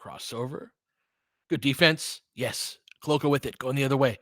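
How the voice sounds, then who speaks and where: A man hosts a fan play-by-play stream of a live basketball game, mixing casual chat with slangy, informal fan reactions. His mid-range voice has a fairly bright tone and moves at a normal speed. The recording is dry and studio-clean.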